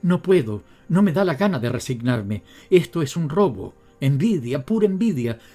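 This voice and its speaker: A man's voice: a little high, big pitch swings, moderate pace, faint music behind. A man voicing a raging, grief-stricken old miser. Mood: bitter. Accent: Latin American Spanish. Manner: shouting, bitter, raging. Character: furious grieving miserly old father.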